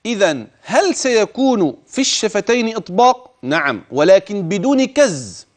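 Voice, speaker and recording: A man teaching the rules of Quran recitation. He speaks straight to the listener, urges attention, and slowly stretches words to demonstrate how they should be pronounced. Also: high-pitched, big pitch swings. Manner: addresses the listener directly, urging attention. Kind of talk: tajweed lesson with recited examples.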